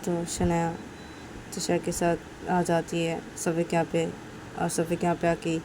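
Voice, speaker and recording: A woman's voice: fairly low pitch, background noise. A woman casually narrating a homemade romance story, retelling each step plainly and repeating herself.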